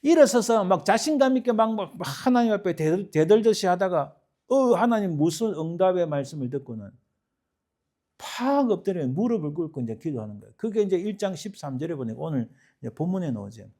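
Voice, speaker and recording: A man in his fifties preaching a sermon as pastor, impassioned, swinging from quiet asides to loud cries. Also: high-pitched, very animated, fast talker. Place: church sanctuary.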